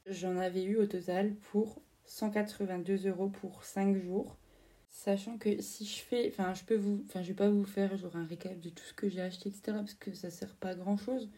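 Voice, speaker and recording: A woman's voice: medium pitch, fairly even intonation, normal speed, mellow, far from the mic. A young woman in her twenties from France, hosting a casual storytelling podcast in a chatty way, full of fillers and slang. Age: 20s. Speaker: podcast host.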